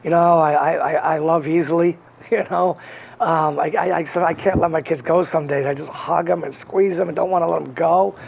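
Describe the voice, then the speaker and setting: A man's fairly high, steady, slightly mellow voice with vocal fry comes a little fast as he shares his life story in a casual interview. He's from Connecticut, has a slight Boston accent, and rambles earnestly with many restarts.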